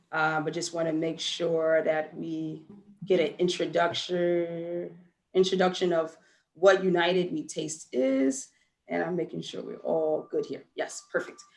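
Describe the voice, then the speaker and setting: A woman with a fairly low voice hosts a casual virtual wine tasting. She talks in a relaxed, chatty way with fillers. Her video call audio sounds echoey.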